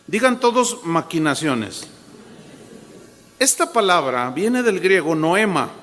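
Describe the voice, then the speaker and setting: With a high, fairly bright voice, a man preaches as pastor, hammering home repeated phrases and mimicking others in changed voices as he quotes them. Long hall reverb fills the recording.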